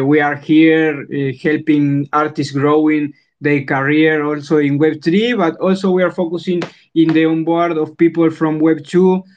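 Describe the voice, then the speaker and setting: Man, talk host, eager, repeats phrases, fairly high voice, lo-fi call audio. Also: darkish tone. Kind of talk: hosting an online audio talk.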